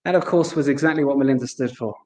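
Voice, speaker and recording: A man's voice: medium pitch, fast talker, a little mellow, echoey room, rough recording. A man giving a reflective talk at a memorial gathering in a synagogue. He tells anecdotes, acts out the dialogue and weaves in Hebrew terms. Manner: storyteller acting out dialogue, weaving in Hebrew terms. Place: synagogue hall.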